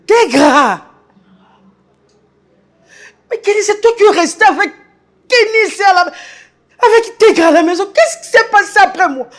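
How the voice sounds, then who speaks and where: A woman's voice: very high voice, animated, a bit bright, exaggerated voice. A wailing, grieving mother. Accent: Congolese French. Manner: drawn-out, wailing calls of a name. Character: grieving middle-aged mother, calling on God.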